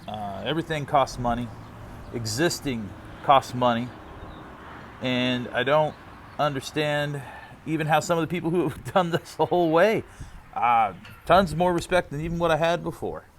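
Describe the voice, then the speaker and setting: A man's voice: a little high, lively intonation, normal speed. Exasperated man venting over road noise. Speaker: vlogger on a long-distance walk. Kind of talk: candid personal venting monologue. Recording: noisy outdoors with vehicle sounds.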